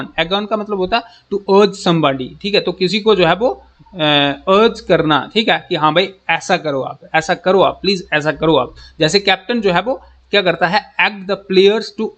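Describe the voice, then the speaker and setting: Guy with a high voice rattling through idioms for an exam class, slows way down on the english examples. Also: fairly bright tone. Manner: fast-talking, keeps saying "ठीक है"; reads English example sentences slowly. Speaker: exam coaching teacher. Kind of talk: explaining English idioms in Hindi.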